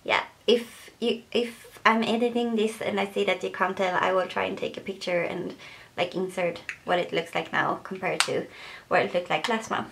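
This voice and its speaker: A woman's voice: mid-range voice, fairly even intonation, normal speed, vocal fry, a bit bright, a little hiss or hum. A young woman with a Swedish accent talking casually to camera as a beauty vlogger, hesitant and full of fillers.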